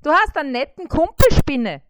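A prim, flustered male beetle delivery driver with a squeaky voice that chatters fast, voiced by a woman reading a storybook. His voice leaps about with lively pitch. The sound is smooth and dry. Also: no room sound. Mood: relieved. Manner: high-pitched, fast and fussy.

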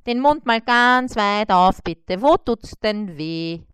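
A woman voicing a scrawny male mosquito dentist who is brisk, polite and reassuring. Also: mid-range voice, animated, smooth, no room sound, voice pushed up. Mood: businesslike.

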